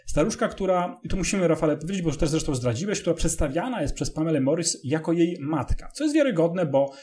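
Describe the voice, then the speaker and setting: A man co-hosting a casual, analytical film discussion, halting as he searches for words and corrects himself. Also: on the high side, lively intonation, warm tone.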